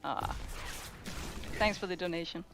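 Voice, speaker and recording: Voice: medium pitch, unhurried. A speedrunner talking casually through their own run on livestream headset audio, explaining tricks with small fillers. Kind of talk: live speedrun commentary. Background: loud game music.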